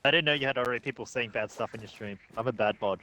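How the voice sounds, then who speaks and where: A man's voice: medium pitch, racing, pushed and bright. A man chatting casually as a co-op player, giving directions and often repeating his phrases. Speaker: co-op player and stream moderator. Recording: noisy voice chat with clicks.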